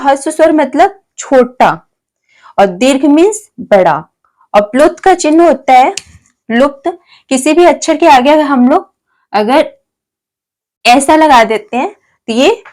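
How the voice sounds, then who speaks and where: A woman's voice: high voice, a little mellow. A woman teaching grammar to her viewers, asking questions and answering them herself and spelling letters out one by one. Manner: addresses viewers as friends, asks and answers own questions.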